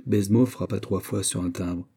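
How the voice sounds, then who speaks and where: A man narrating a classic novel aloud in a steady, even-paced storytelling manner. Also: low-pitched, normal speed. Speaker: audiobook narrator.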